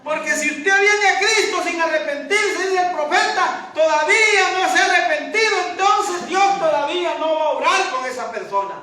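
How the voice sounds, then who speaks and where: A man's voice: extremely high pitch, moderate pace, hardly any pauses, pushed and bright, far from the mic. A man preaching a sermon as pastor, emphatic and full of rhetorical questions. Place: church hall. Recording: echoey church hall from afar, faint hiss.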